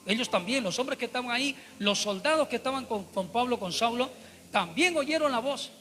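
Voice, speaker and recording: A man's voice: very high voice, lively intonation, a little fast, pushed and bright, long reverb tail. A man preaching a Bible study sermon, emphatic and repetitive, often turning to address his listeners as brothers.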